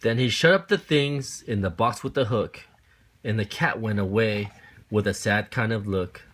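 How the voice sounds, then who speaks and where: A man reading a children's picture book aloud like a parent to his child, with expressive, rhythmic, sing-song delivery. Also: fairly low pitch, normal speed.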